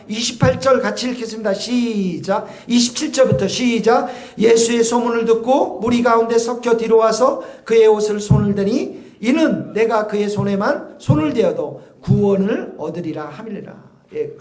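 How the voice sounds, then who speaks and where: A male pastor preaching a sermon with impassioned, shouted peaks. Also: very high voice, echoey room. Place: church.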